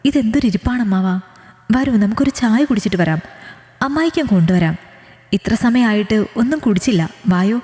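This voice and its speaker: A kind middle-aged teacher calms and coaxes the others, as a woman voices him. The tone is soft and mellow. A hall-like reverb lingers on each phrase. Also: on the high side, fairly quick, lightly acted. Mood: coaxing. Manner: calm, caring coaxing. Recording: echoey room with long reverb.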